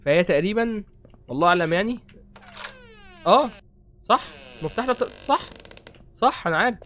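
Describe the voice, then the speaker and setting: A man's voice: high voice, animated, brisk, fairly bright tone, slight background noise. A young Egyptian man hosting a horror game playthrough, rambling and joking nervously. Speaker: gaming host.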